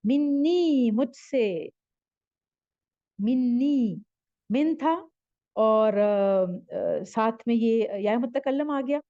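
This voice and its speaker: A woman teaching Arabic grammar in a slow spoken lesson, patiently repeating each word form with its meaning. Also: on the high side, mellow, no echo, muffled recording.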